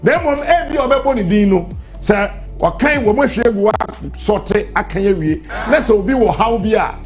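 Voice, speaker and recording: A Ghanaian man with a fairly high voice hosts a live radio programme over background music. He speaks deliberately, reading and explaining formal material, and repeats phrases to drive them home. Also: expressive. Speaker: radio show host. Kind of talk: reading out legal text and explaining it live on air. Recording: music behind the voice.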